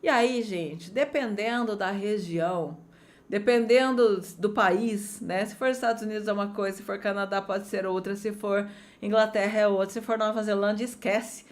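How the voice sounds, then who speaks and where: At a moderate pace, a Brazilian woman runs an online English class, lively and talkative. She speaks right to her students, her pitch jumping up and down a lot.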